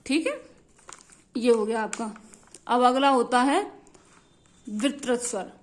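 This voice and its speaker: High-voiced woman teacher drilling a lesson. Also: lively intonation, takes it slowly. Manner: repetitive, drilling phrases, frequent checks like "theek hai".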